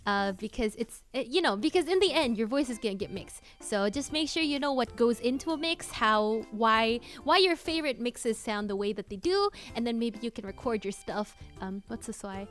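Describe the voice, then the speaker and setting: Giggly, scattered woman streamer, pitched a bit high, with soft music behind her. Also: normal speed, few pauses. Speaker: cover singer and streamer. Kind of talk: casual livestream Q&A.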